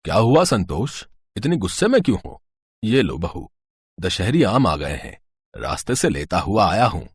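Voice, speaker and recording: A man voicing an easygoing, generous older husband who calmly coaxes his wife in a cartoon story. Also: fairly low pitch, moderate pace, husky, no echo, exaggerated voice. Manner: calm, relaxed coaxing.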